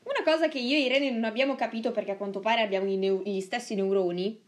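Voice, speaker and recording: Higher-voiced, emphatic young woman. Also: fast. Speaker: podcast co-host. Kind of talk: casual banter among friends.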